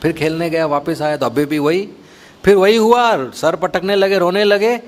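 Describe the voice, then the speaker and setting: A man's voice: fairly high pitch, normal speed. A man preacher telling a devotional story animatedly and mixing English words into his speech.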